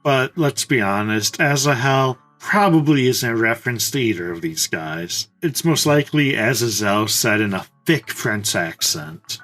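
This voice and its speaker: A young man hosting a let's play, giving casual commentary with jokey, irreverent deadpan asides. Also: medium pitch, a little slow, few pauses, soft background music.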